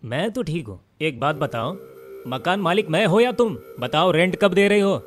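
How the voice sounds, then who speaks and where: A man's voice: fairly high pitch, expressive, normal speed, music in the background, close to an everyday voice. A man as a nosy, needling landlord. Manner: sarcastic, nagging. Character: nosy middle-aged male landlord, needling. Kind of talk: Hindi film dub.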